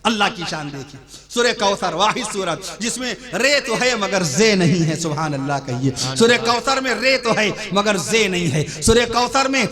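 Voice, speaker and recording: A man's voice: high voice, lively intonation. A man preaching a sermon at a religious gathering, rousing and repetitive, calling on the crowd to respond. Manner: rousing, calls for crowd responses, repeats phrases. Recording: loud crowd behind.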